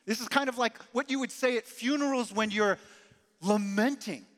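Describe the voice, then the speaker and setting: A man preaching a sermon as pastor, emphatic and animated, sometimes dropping his voice very low and soft. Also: moderate pace, long reverb tail. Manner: animated, emphatic preaching with dramatic drops to quiet.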